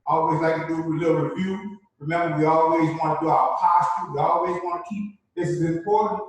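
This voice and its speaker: A man's voice: on the high side, steady tone, a little fast. A man teaching a live online dance class, repeating key points and checking in with "right?" as he explains. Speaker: dance instructor. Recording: very echoey room, distant mic.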